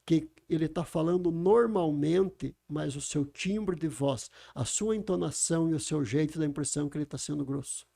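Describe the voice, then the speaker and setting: A man speaks on a podcast. His voice is gravelly, mellow and a little high. He teaches in an emphatic way and asks the listener rhetorical questions. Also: moderate pace, few pauses. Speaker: communication speaker. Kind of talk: conversational explaining. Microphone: podcast microphone.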